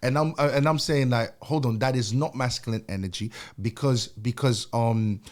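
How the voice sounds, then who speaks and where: Young adult male podcast co-host, casual debate, emphatic and repetitive, mid-pitched. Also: moderate pace, darkish tone. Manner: emphatic, repeats himself, laughs between points.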